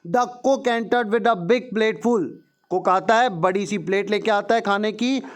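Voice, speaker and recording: Male teacher, unhurried overall, high smooth voice; reads text slowly, then explains it casually to students. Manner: reads English lines slowly, then explains in quick chatty Hindi; addresses students fondly as a teacher. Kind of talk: explaining a textbook chapter.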